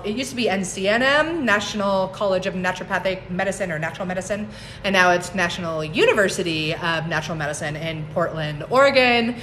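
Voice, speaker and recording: A woman's voice: on the low side, a bit bright, a little hiss or hum. A woman in her forties, a herbalist, chatting casually on a phone livestream, laughing often and greeting viewers by name. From United States. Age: 40s. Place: home on a mountain, indoors.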